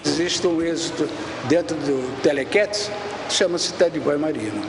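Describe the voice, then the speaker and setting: A man's voice: fairly high pitch, measured pace, music in the background. A man reminiscing about past years in an interview. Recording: echoey hall with long reverb.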